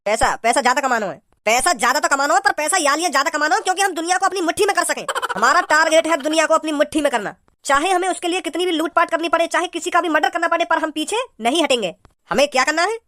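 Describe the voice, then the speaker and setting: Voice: high voice, fast, pushed and bright, no room sound. A performer voicing a greedy, scheming thief gang boss in a cartoon, lecturing his henchman in a bossy way. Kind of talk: cartoon voice acting.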